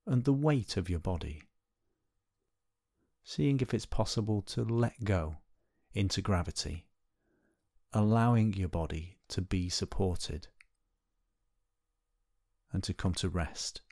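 Guiding a body scan meditation, a lowish-voiced man offers gentle instructions at an unhurried pace, pausing between phrases. His intonation is lively, and the recording is dry and close, with almost no sense of the room.

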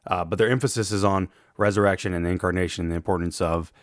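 A man with a gravelly voice, rough from allergies, giving an informal lecture in a measured, carefully qualified way. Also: sits low, fairly even intonation, no echo, clean studio sound. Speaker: theology lecturer.

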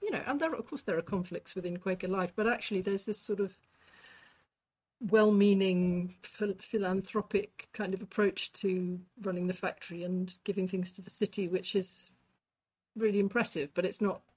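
A woman's voice: mid-range voice, moderate pace, a little mellow, husky, poor audio. A middle-aged or older woman chatting casually and reflectively, often qualifying her thoughts as she goes. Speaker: writer in conversation. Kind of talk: casual chat.

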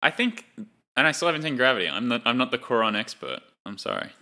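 Bright-voiced young man chatting about films. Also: medium pitch, quick pace, creaky. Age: young adult. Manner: relaxed, chatty, laughs while talking. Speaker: film podcast co-host. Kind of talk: casual chat.

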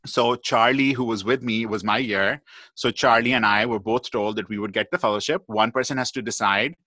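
A man's voice: lowish voice, steady tone, brisk, bright, forceful tone, no room sound. A man, a guest pathologist, telling a long story in a podcast interview, chatty and full of "like" and "you know".

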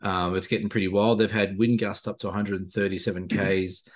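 A man's voice: on the low side, level tone, fairly quick. An Australian man chatting casually as a co-host, with a dry, laconic drawl. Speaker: co-host, landscape photographer. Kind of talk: casual chat on a video show.

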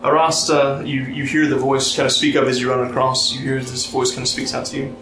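A man narrating as game master of a tabletop game, relaxed and storytelling, reading lore aloud with fillers. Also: medium pitch, a little fast. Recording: roomy sound with music behind.

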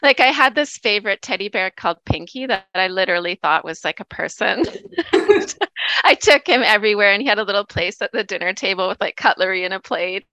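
A middle-aged woman from Vancouver Island, a professor, recalling her childhood in a relaxed interview, laughing often and filling pauses with "um". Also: mid-range voice, no echo. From Canada, Vancouver Island. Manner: warm, reflective, laughs often, many "um"s. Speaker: guest, associate professor. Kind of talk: casual interview conversation.

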